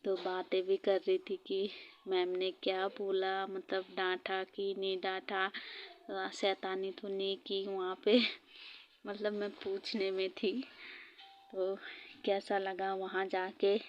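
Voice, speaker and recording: A woman's voice: medium pitch, completely flat delivery, slow pace, muffled recording, a little hiss or hum. A woman vlogger narrating her day in a chatty, rambling voice-over, laughing often. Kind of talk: casual voice-over vlog narration.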